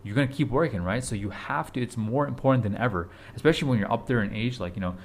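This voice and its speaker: A man's voice: mid-range voice, quick pace. A man in his twenties giving a casual motivational talk to camera, urgent and repetitive, blunt, with casual swearing. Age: 20s. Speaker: fitness vlogger.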